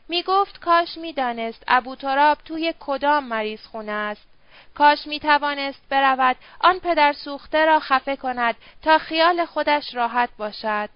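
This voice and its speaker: A woman narrating an audiobook in a steady, measured reading. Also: high-pitched, no echo. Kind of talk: scripted narration. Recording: dull dry lo-fi audio.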